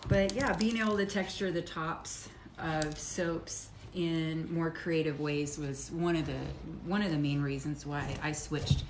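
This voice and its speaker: A woman's voice: deep voice, fairly even intonation, measured pace, hardly any pauses. A middle-aged woman chatting casually on a live stream while she cuts soap, rambling and talking between bites. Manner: chatty, rambling, talks while chewing and working. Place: home soap workshop. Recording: echoey room with clear background noise.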